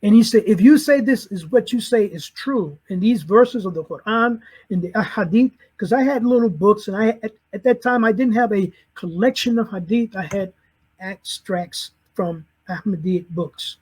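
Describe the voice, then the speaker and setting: A middle-aged man from St. Louis tells his personal testimony in a husky, slightly breathy voice. He pitches high for a man and talks earnestly. He carries the story by quoting back and forth what each person said. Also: moderate pace, a little mellow, rough recording. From St. Louis, Missouri, USA. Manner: earnest, recounts conversations in quoted dialogue. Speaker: convert telling his story.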